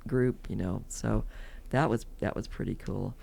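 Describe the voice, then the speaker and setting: A woman's voice: very deep voice, a little slow, creaky, a little mellow, husky. A woman in her seventies from California, telling rambling, chatty stories as a podcast guest and laughing often. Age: 70s. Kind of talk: casual interview storytelling.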